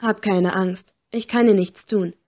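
A woman voicing a calm, gentle young male ghost who speaks quietly and clearly. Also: mid-range voice, measured pace, close to an everyday voice. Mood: sad calm. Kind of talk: audiobook character voice.

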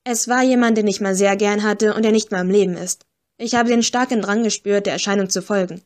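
A woman's voice: mid-range voice, fairly even intonation, a little fast, a little mellow, natural voice. Woman doing a cool, cheeky scavenger girl. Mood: offhand. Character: scruffy young woman, cool and sassy.

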